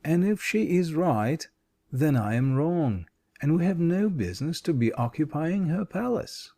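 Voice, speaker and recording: A man voicing a calm, thoughtful scarecrow in a storybook reading. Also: a little high, unhurried, vocal fry, voice pushed up, full character voice. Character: calm straw-stuffed man, gentle thinker.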